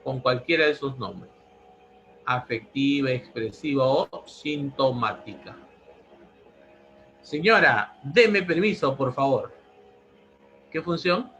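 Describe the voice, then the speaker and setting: A man's voice: mid-range voice, animated, slow, long pauses, a bit bright, dull audio, slight background noise. A man teaching a language lesson, repeating each answer several times. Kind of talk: pre-university language lesson.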